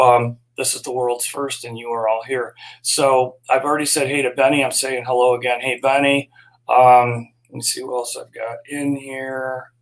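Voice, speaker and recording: A man's voice: medium pitch, a bit bright, rough recording. A middle-aged man chatting casually on his own live stream, explaining fish keeping in a rambling, folksy way and greeting viewers by name.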